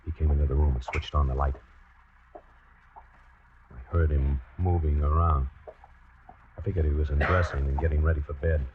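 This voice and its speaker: An American actor with an extremely low, steady male voice plays a lovesick, nervous, reluctant killer in a 1940s-style radio suspense drama. He narrates tensely in the first person, halting and stammering when pressed. The old radio recording is muffled and noisy.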